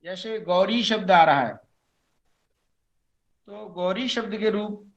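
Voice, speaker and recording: A man teaching Sanskrit grammar in a slow explanatory lecture, reciting word forms in measured, chanting lists, on a dull lo-fi recording. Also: high-pitched, a bit bright.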